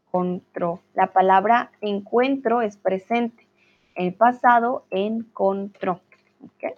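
A woman teaching Spanish in a live-streamed lesson, reading out viewers' chat comments and answering them in a patient, encouraging way. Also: medium pitch. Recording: dull lo-fi stream audio.

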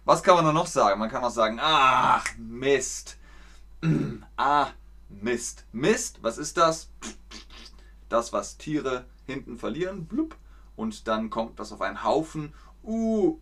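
A man teaches everyday expressions in a relaxed live lesson. He speaks very slowly and deliberately, at a middle pitch, and acts out each exclamation with playful emphasis. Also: slightly rough. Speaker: German teacher. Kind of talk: casual live language lesson.

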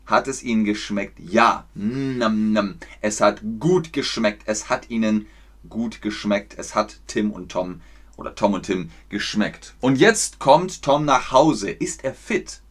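Man, from Germany, German teacher, livestream lesson, slow deliberate pace, clear patient explaining. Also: lowish voice, animated.

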